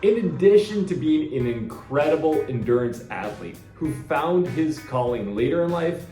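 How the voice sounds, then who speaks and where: Faint music and a roomy echo surround this casual interview chat. The podcast host, a native English-speaking man, has a medium-pitched, mellow voice and talks with enthusiasm, frequently starting sentences over.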